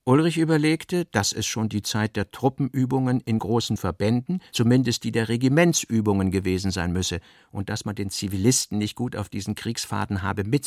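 Reading literary prose for a radio play, the male narrator speaks low with lots of gravelly vocal fry. There's no room around his voice at all, giving a completely dry sound.

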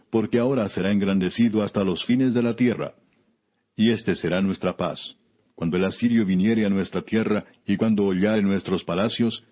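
A man narrating scripture as a scripted reading, in a solemn, measured, declamatory biblical manner, on a dull recording. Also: fairly low pitch. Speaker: Bible narrator.

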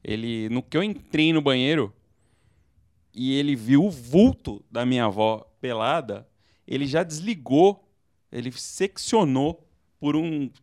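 A man from Brazil co-hosting a casual late-night chat show, telling animated stories and bursting into movie-style screams. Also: mid-range voice, unhurried, dry recording, clean studio sound. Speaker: podcast co-host.

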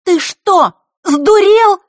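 A woman voicing an angry, indignant young girl in an audiobook, her voice pushed high and loud. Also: extremely slow, no room sound, studio quality, full character voice. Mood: furious. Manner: shrill and indignant. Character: hot-tempered girl, Vasilisa, young teen.

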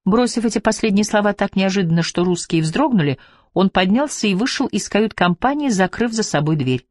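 A man reading a novel aloud as audiobook narration, steady and even. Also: sits high, fairly quick, no room sound, clean studio sound. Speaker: audiobook reader. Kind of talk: scripted narration.

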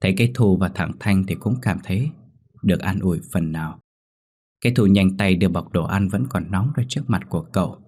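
A man narrating a ghost story in a steady, somber manner. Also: low voice, fairly quick, husky. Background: faint music.

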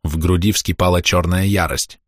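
A man narrating a dark story in a measured, tense manner. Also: deep voice, fairly even intonation, no echo, clean studio sound. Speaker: audiobook narrator. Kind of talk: dramatic audiobook narration.

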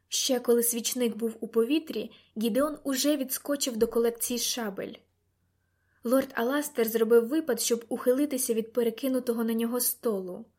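A woman narrating a first-person novel in an audiobook with vivid, expressive storytelling. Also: fairly high pitch.

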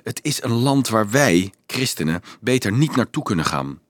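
A man's voice: fairly low pitch, big pitch swings, moderate pace, no echo. A man reading an earnest teenage boy who hesitantly, then urgently explains things to a crowd of children, in an audiobook.

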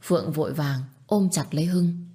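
Low-voiced woman reading a story. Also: normal speed, warm tone, husky. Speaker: narrator. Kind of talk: storybook narration.

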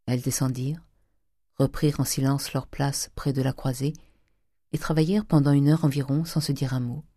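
Measured, dark-voiced audiobook narrator. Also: mid-range voice, no room sound, clean studio sound. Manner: measured, expressive reading. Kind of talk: scripted literary narration.

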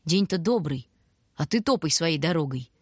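A woman's voice: deep voice, expressive, moderate pace, slightly rough, no echo, clean studio sound. Woman doing a brusque village nanny. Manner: brusque, curt. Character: gruff young village woman, protective nanny.

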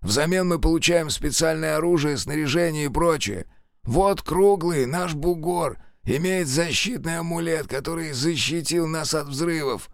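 A man's voice: a little high, a little slow, creaky, dry recording, studio quality, voice pushed up. A man voicing a wounded, foul-mouthed middle-aged ex-convict who snaps defiantly at his captors. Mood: sullen. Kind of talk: audiobook character voice.

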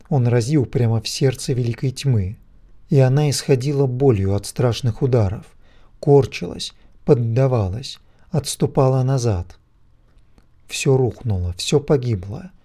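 A man narrating a dark fantasy audiobook in a measured, rhythmic storytelling manner. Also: mid-range voice.

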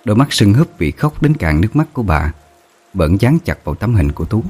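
A man's voice: deep voice, dark tone. A man narrating a sad ghost story in an emotive, dramatic way.

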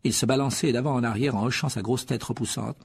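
A man narrating an audiobook with steady storytelling. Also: mid-range voice, fast talker, creaky, husky.

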